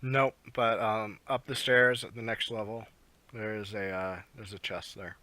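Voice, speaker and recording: A man running a tabletop role-playing game as game master, giving quiet, low-key rulings. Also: steady tone, unhurried.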